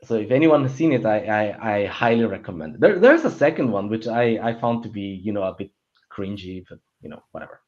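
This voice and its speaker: A man with a fairly low, animated voice talks briskly during a casual panel conversation about opinions on a film discussion show. He rambles and stammers, restarting sentences often, and the recording is lo-fi, muffled and dull.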